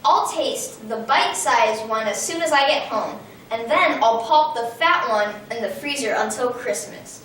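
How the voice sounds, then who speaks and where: A woman's voice: animated, moderate pace, fairly bright tone. A woman voicing a sly, greedy male fox in a picture book she reads aloud, gloating and sneering. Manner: gloating, sneering storybook villain voice. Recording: very echoey room, far from mic, faint rumble.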